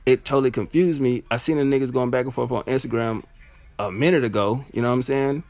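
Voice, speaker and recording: A man giving a blunt, profane, casual solo review of an album, jumping into high-pitched mock reactions. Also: steady tone, fast, darkish tone, no echo. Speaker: music reviewer.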